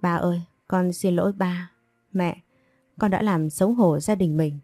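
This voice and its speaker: A woman's voice: on the low side, measured pace, mellow, no echo, soft background music. A woman voicing a young, pleading daughter. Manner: pleading, apologetic.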